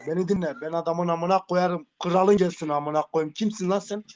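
A man's voice: high-pitched, fairly even intonation, moderate pace, a little mellow. A man in a heated live-stream confrontation, belligerent and profane, repeating his threats over and over. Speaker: livestreamer. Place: Antalya.

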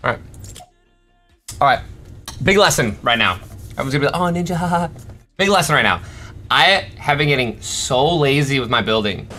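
A man in his twenties with an excitable gamer bro manner, commentating casually on his livestreamed gameplay. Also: medium pitch, normal speed, pauses often, faint music behind. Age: 20s. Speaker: game streamer. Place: bedroom streaming setup indoors. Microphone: streaming mic at a desk.

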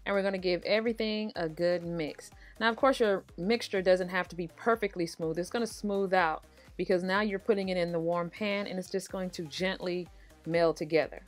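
Here a lowish female voice keeps a steady tone at a normal speed. The speaker is an American cooking-show host who walks through a recipe in a relaxed, chatty manner addressed directly to her audience, over background music.

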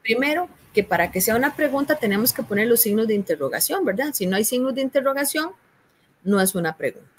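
A woman's voice: a little high, expressive, fast talker, a little hiss or hum. A woman with a Costa Rican accent, a university tutor patiently explaining a course assignment, often checking in with "¿verdad?". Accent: Costa Rican Spanish.

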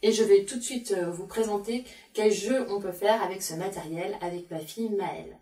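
A woman's voice: mid-range voice, normal speed, mellow, far from the mic. A woman educator explains a syllable game to parents and plays it patiently with a young child, praising often. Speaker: educator presenting a learning game.

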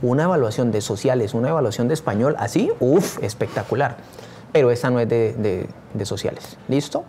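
A man's voice: mid-range voice, expressive, brisk, mellow, slight background noise. A man teaching a screen-share tutorial, talking eagerly and straight to his viewers. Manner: enthusiastic, addresses viewers directly.

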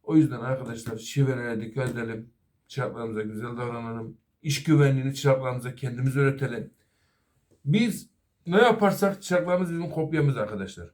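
A man's voice: medium pitch, brisk, darkish tone. A middle-aged man, a master auto mechanic, giving an earnest safety talk to fellow workers and apprentices. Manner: earnest, advising, repeatedly addressing "arkadaşlar".

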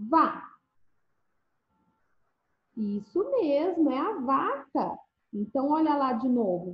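Woman, teacher, remote lesson for young children, sing-song and coaxing, echoey room, dull lo-fi sound. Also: high voice. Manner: sing-song, coaxing, with frequent checks for agreement. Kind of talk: remote first-grade lesson.

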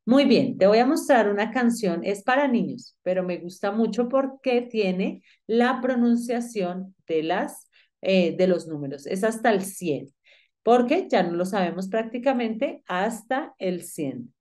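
A woman teaching English numbers, speaking to the student directly and repeating each number slowly so it can be drilled. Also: medium pitch, lively intonation, a little mellow. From Colombia. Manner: addresses the student directly, with frequent "pilas" and "listo". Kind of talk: online English lesson.

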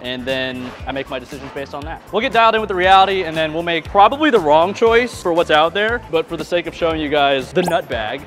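A man in his thirties, a pro bowler, explaining his equipment casually while bowling in an alley, on a lapel mic. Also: on the high side. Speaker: pro bowler and video host. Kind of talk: casual instructional vlog. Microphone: clip-on lapel mic.

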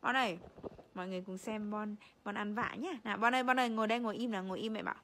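Mother, bright ringing voice, sing-song baby talk with playful scolding. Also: medium pitch, rapid-fire. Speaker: mother talking to her baby. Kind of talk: baby talk to an infant on camera.

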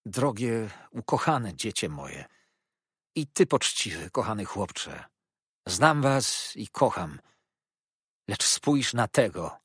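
Despairing old father, guilt-ridden and lamenting, husky lively voice , read by a male narrator. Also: lowish voice, takes it slowly, no echo, clean studio sound, exaggerated voice. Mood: anguished. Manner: lamenting, pleading. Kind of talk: audiobook character voice.

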